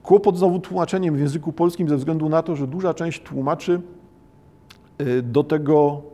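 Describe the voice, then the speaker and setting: A man giving a slow, reflective lecture, pausing often and hesitating between phrases. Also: on the high side, fairly even intonation, mellow. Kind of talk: lecture on Japanese poetry.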